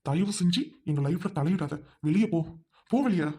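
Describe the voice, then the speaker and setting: A man voicing a loyal young groom in an amateur audio drama, scolding hard and then reassuring gently. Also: high-pitched, moderate pace, slightly rough. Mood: angry.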